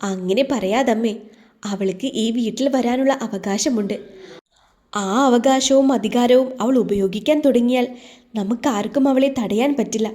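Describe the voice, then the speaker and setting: A woman's voice: on the high side, a little slow, dark tone, lightly acted. A woman voicing an earnest young daughter who pleads firmly with her mother.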